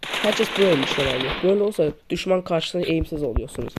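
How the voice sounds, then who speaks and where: Expressive and quick, a man runs a casual mobile shooter tutorial over his screen recording, calling the audience friends while repeating and demonstrating each tip. His poor mic is buried in heavy gunfire and click noise.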